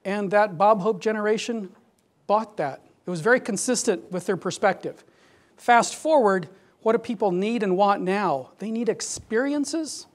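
A man's voice: high voice, moderate pace. A man moderating a fundraising meeting, talking energetically and with emphasis to a room. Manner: energetic, emphatic, acts out quoted donors. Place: large meeting room at a club.

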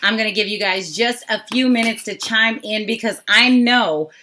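A woman's voice: fairly high pitch, normal speed, a little hiss or hum. A woman from the Pittsburgh area giving a hyped, upbeat sales presentation to an online audience. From Pittsburgh, Pennsylvania area. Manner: hyped, upbeat, repeats "super excited". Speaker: network marketing presenter.

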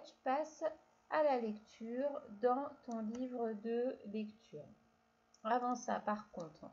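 Lady teacher doing a reading lesson for little kids, super slow, stretches syllables, kinda muffled lo-fi audio. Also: a little high, dark tone, a little hiss or hum. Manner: slow, patient, drawn-out syllables, addresses child directly. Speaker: primary school teacher. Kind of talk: reading lesson for young children.

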